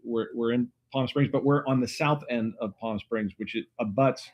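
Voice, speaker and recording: Easygoing, teasing podcast host. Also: male voice, mid-range voice, muffled recording. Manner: teasing, easygoing, quick quips. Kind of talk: casual chat. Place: outdoors at a desert retreat.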